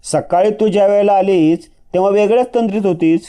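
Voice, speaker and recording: A man's voice: high voice, brisk, dark tone, smooth, pitched above the performer's own voice, lightly acted. A man voicing a caring young man who talks earnestly and insistently.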